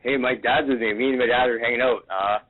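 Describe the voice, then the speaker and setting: A man's voice: mid-range voice, steady tone, quick pace. A man calling in on speakerphone, talking in a loose, rambling, friendly way after a few beers. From Canada. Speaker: caller. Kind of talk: casual chat. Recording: tinny speakerphone line with faint hiss. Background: friends in the room.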